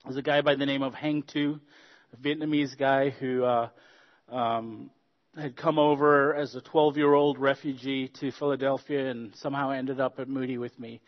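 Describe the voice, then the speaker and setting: A man from Zambia, giving a relaxed, anecdotal talk at a church workshop, with frequent ums and uhs. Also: mid-range voice, moderate pace. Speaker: workshop speaker. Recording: dull lo-fi sound with long hall reverb.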